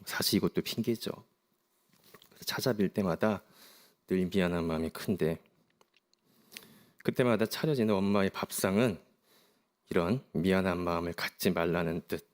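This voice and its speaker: Middle-aged pastor, soft reflective sermon voice, slightly low. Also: male voice, steady tone, normal speed. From South Korea.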